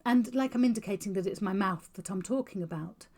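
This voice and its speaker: A woman talks to camera in a quick, informal teaching style. She speaks with big, clearly shaped mouth movements and a steady, mid-pitched voice. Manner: fast-talking, gestures a lot, exaggerated mouth movements. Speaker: educator on auditory processing. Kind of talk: informal explanatory talk to camera. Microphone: talking to camera on video.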